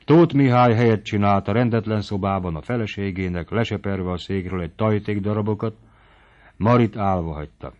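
Male narrator for a literary audiobook; low voice, steady and measured. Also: highs cut off. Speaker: audiobook reader. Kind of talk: scripted narration of a novel.

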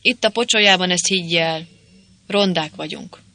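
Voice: medium pitch, sharp tone, no room sound. A reader voicing a pushy male dance master in the legion who talks in a secretive, whispering way. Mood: conspiratorial.

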